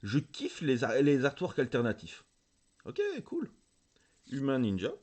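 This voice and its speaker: A man's voice: mid-range voice, lively intonation, measured pace, darkish tone. A man hosting a casual video, opening trading card packs, gushing over the cards and reading their text aloud with lots of fillers. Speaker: channel host opening booster packs.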